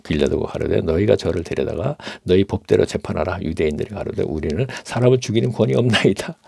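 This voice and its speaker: A middle-aged man teaches from the Bible, reading verses aloud and breaking off to explain them in an easy, talking-to-you manner. His voice sits very low and dark, with a gravelly edge. The sound is dry and close. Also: fast talker, dry recording. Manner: reads scripture aloud, then explains it in plain conversational asides.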